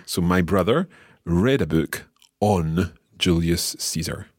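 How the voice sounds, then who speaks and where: A man hosting a language lesson, encouraging his student and gently coaxing her through each answer. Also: deep voice, expressive, takes it slowly, husky, no echo, studio quality. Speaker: Italian teacher hosting lesson.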